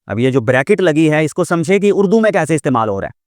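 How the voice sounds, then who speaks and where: A man teaching a vocabulary lesson in a patient way, explaining each word slowly and often repeating it. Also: a little high, sing-song, no echo, clean studio sound. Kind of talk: classroom lesson.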